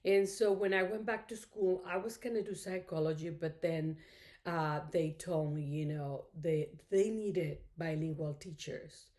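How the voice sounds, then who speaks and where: A middle-aged craft vlogger whose first language is Spanish chats casually to the camera, rambling, thanking her viewers, and saying "you know" again and again. Her low, darkish voice keeps a fairly even intonation at a measured pace.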